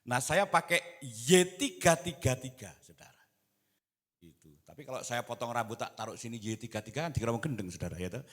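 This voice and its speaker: A man preaching a sermon in church, moving between quiet talk and loud, impassioned exhortation. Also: mid-range voice, animated, brisk. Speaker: pastor. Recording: reverberant church hall.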